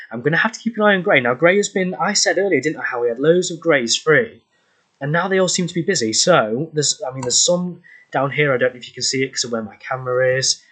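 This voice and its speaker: A man's voice: mid-range voice, fairly bright tone, poor audio. Man thinking aloud over gameplay. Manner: thinking aloud, hesitant, self-correcting with ums. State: hiccuping. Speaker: gaming YouTuber. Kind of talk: casual gameplay commentary.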